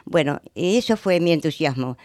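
Lively older Argentine woman, dry sound. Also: low voice, normal speed, dry recording. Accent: Argentine Spanish. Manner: animated, acts out quoted voices, keeps asking "comprendes". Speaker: singer, guest. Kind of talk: radio interview storytelling.

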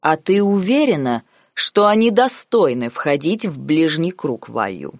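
A woman reading the lines of a cold, calculating noble uncle in an audiobook, measured and sarcastic. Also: low-pitched, very animated, dry recording, clean studio sound, heavily acted. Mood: cold, lecturing. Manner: measured, lazy, coldly sarcastic.

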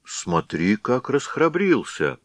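A man's voice: mid-range voice, very animated, takes it slowly, dry recording, clean studio sound, pitched above the performer's own voice. A man voicing a sly, sulky middle-aged male cossack who mutters aggrieved complaints to himself. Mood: grumbling.

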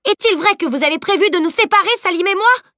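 A woman's voice: fairly high pitch, animated, moderate pace, fairly bright tone, no room sound, clean studio sound, voice pushed up. A woman voicing a fierce teenage heroine who speaks in a heated, cutting way. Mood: defiant, furious. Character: fierce teenage girl heroine, defiant and angry.

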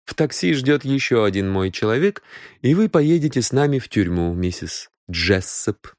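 A man playing a cool, stern male detective who speaks in a cold, measured, firm way. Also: mid-range voice, very animated, darkish tone, dry recording, studio quality, voice pushed up.

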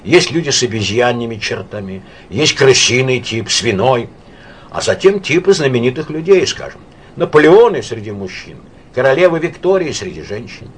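A blunt, boisterous male painter, as a male reader does him, holding forth in a brash, lecturing storybook voice. His pitch swings widely from word to word. A mid-range man's voice with a faint hum behind it. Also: sing-song, normal speed, natural voice.

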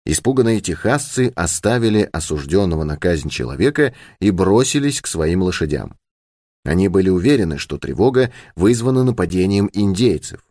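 Male audiobook narrator, low and lively, dry close sound. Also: normal speed, no echo. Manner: expressive storytelling. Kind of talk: scripted narration.

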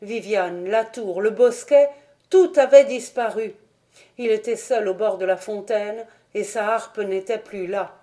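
A woman reads an old legend aloud with measured, expressive narration. Her pace is very slow and unhurried. The voice is warm and mellow, with a middling pitch. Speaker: audiobook reader.

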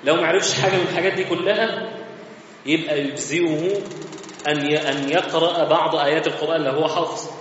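Fast-talking Egyptian man teaching in an echoey mosque. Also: fairly high pitch, fairly even intonation, a bit bright, a little hiss or hum. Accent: Egyptian Arabic. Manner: explains step by step, conversational. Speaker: religious teacher. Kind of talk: mosque lesson. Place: large mosque hall. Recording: echoey mosque hall, slightly muffled.

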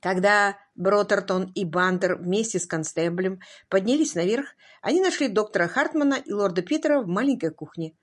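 A woman reading a detective novel aloud in even, scripted narration. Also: medium pitch, normal speed, few pauses. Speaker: audiobook narrator.

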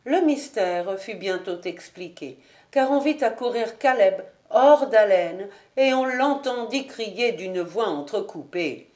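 A woman narrating a classic novel as an audiobook, reading clearly and with measure. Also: mid-range voice, animated, slow pace, darkish tone. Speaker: audiobook reader.

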